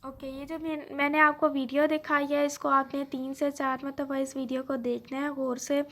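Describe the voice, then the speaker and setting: A woman teacher giving a slow, patient lesson to young children, repeating phrases and leading them in reciting after her. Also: high voice, level tone, a bit bright. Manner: leads call-and-repeat recitation. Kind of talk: online class lesson.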